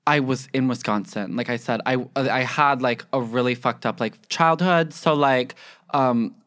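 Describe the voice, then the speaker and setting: A young man guest on a studio podcast, talking in a rambling, excitable way, packed with "like", and a bit loud on the mic. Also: mid-range voice, unhurried. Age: young adult. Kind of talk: casual chat.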